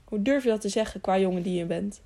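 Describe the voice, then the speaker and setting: A woman's voice: mid-range voice, fast, warm tone, close to an everyday voice. A woman reading an audiobook, voicing a burly, hot-headed man who blusters and accuses. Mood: scornful.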